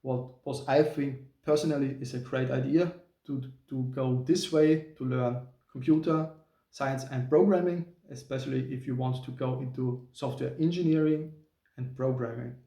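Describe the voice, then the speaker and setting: With a creaky, dark, medium-pitched voice and fairly even intonation, an Austrian software engineer in his thirties speaks at normal speed in his casual talking-head vlog. He's a native German speaker whose English is careful and hesitant, with small restarts and an Austrian German accent. The distant mic leaves a roomy sound.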